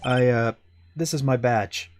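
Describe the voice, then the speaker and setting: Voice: mid-range voice, measured pace, lightly acted. A player voicing a stammering young lawyer. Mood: awkward. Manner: stammering, flustered. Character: nervous young male defense lawyer. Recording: clear game music behind.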